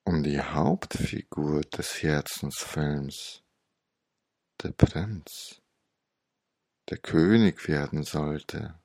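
A man guiding a meditation story in a hypnotic, soothing, old-sage manner with long pauses and a gravelly, breathy voice. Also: extremely low pitch, darkish tone, no echo, studio quality.

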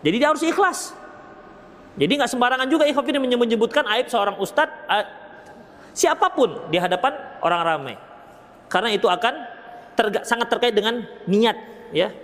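A man giving a religious lecture, answering questions in a lively, joking way. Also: very high voice, a little fast, pauses often. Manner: lively, joking, reads audience questions aloud. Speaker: Islamic preacher answering questions. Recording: long reverb of a lecture hall.

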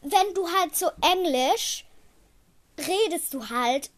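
A girl hosting her own podcast in casual chat with a friend, chatty and giggly, with sudden loud squeals. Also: extremely high pitch, lively intonation, slow. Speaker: podcast host.

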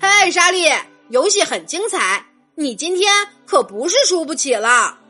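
Storyteller woman playing a friendly schoolboy, very high-pitched and bouncy, bright tone. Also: very animated, a little slow, soft background music, exaggerated voice. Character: friendly young boy classmate.

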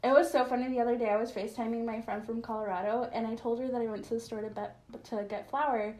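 Woman host, higher voice, chatty and swears a lot, echoey room. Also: steady tone, fast talker, darkish tone. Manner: laughs often, swears freely. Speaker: podcast host. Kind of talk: casual chat.

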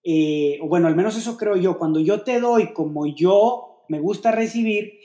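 Male podcast co-host, mellow tone, thoughtful and rambling, echoey room. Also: high-pitched, moderate pace. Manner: reflective, explains with many fillers and rhetorical questions. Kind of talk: casual faith-based relationship chat.

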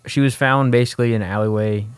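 A young man co-hosting a casual podcast chat, talking in a rambling, halting way with many restarts. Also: mid-range voice, steady tone, smooth, dry recording. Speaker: podcast co-host.

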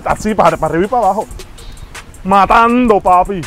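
Brief: a man as a vain Puerto Rican fake pop star, high voice, pushy street prank. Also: brisk, fairly bright tone, faint music behind. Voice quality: boastful, pushy, calls everyone papi. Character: male self-important fake famous Puerto Rican singer. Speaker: prank show host. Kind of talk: hidden-camera prank.

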